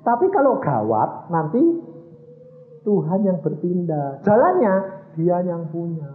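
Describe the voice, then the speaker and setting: Male preacher, lively storytelling sermon, tinny phone-like sound, echoey church. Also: high-pitched, a little slow. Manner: animated, acts out dialogue. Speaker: evangelist preacher.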